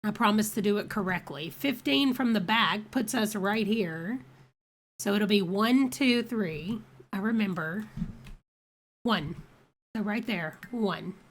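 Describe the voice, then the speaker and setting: Congested from a cold, a woman chats her way through a let's play, calling out the dice rolls as casual game commentary. Her voice is medium in pitch and slow.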